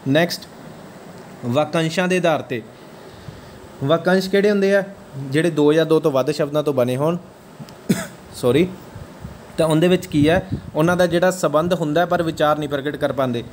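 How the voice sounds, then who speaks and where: A man delivers an exam-prep grammar lecture in a slightly high voice. He keeps checking whether his students are following. Faint noise hums under the recording. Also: moderate pace, long pauses. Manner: checks understanding with repeated questions. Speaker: teacher.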